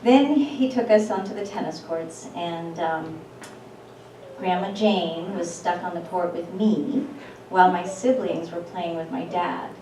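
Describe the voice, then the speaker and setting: A middle-aged woman giving a personal memorial speech about her father, with gentle humor. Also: on the low side, measured pace. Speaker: eulogy speaker, daughter of the deceased. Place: event hall. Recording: echoey hall from far off, noisy.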